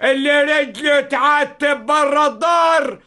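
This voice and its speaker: An actor with an Upper Egyptian accent playing a stubborn, hot-tempered village mayor who shouts threats and orders. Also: male voice, very high voice, measured pace, full character voice. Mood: commanding. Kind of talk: TV comedy drama acting.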